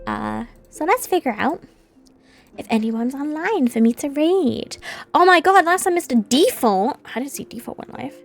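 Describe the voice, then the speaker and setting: Female game streamer, highish and very animated, playful and rambling, faint music underneath. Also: moderate pace, gravelly. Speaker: live streamer. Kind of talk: casual chat to viewers on a game stream.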